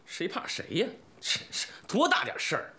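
A short-fused, bullying young husband from a TV drama. His tone is hard and sharp, and it jumps wildly up and down as he sneers and shouts. He sounds ready to pick a fight. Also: high-pitched, wildly swooping pitch, moderate pace, slightly rough, exaggerated voice. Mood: mocking. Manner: loud, mocking and quarrelsome. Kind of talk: TV drama acting.

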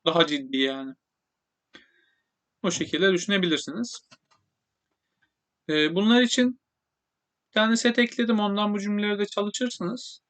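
A man teaching English in a casual online lesson, speaking Turkish and slowly repeating English phrases. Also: high-pitched, a bit bright.

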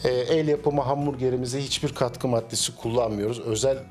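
Middle-aged male cafe owner, steady mid-pitched voice, measured and hesitant, faint music bed behind. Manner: measured, with frequent hesitation fillers. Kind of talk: business interview. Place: small cafe indoors. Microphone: handheld interviewer mic.

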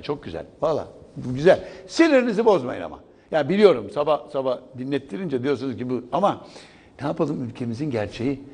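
A man's voice: mid-range voice, a little mellow. A man giving sarcastic morning news commentary in a TV studio. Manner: sarcastic, mocking.

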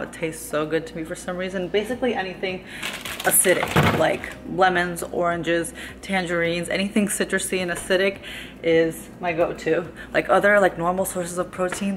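A young woman chatting casually in a vlog, bubbly and quick to laugh, a little out of breath from walking while she talks. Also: fairly low pitch, noisy background. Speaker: vlogger.

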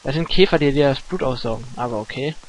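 A man's voice: mid-range voice, fast, rough recording. A man giving casual let's play commentary, muttering reactions and swearing.

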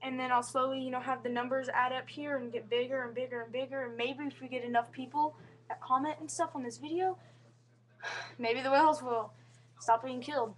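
High-pitched young woman rambling on webcam. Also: fairly even intonation, a little fast. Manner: rambling, earnest, with many restarts and fillers. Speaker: vlogger. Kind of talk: casual webcam monologue. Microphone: webcam mic.

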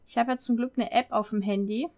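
A young German woman giving chatty, excitable commentary on a life-simulation game, full of nervous exclamations. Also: fairly high pitch, quick pace. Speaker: let's play host. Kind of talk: casual gameplay commentary.

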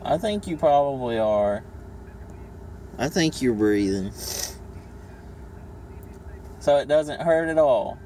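A woman's voice: very deep voice, expressive, takes it slowly, long pauses, dark tone. A woman chatting casually as a caretaker, patient and reassuring in her manner. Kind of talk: casual chat. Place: inside a car. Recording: car cabin with some noise.

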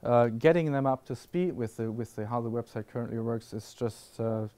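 In a lecture hall classroom full of audience members, a male panelist answers questions in a warm, medium-pitched voice at normal speed. His thoughtful replies are marked by many restarts and fillers.

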